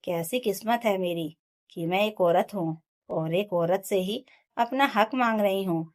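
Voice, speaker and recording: A woman's voice: mid-range voice, unhurried, natural voice. A woman voicing a young wife, hurt and pleading for her rights in an emotional storybook reading. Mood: indignant. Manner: emotional, rising to impassioned protest.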